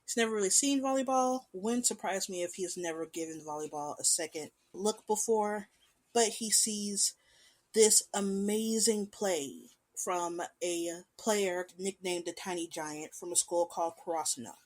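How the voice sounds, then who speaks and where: A woman hosting a casual show, talking about an anime in an animated, chatty way with lively swings in pitch and loudness. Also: unhurried. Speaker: podcast host.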